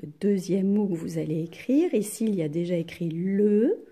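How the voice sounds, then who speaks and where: A woman teaching a spelling lesson to young children, patient and deliberate, sounding out each syllable. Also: lowish voice, mellow. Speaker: primary school teacher.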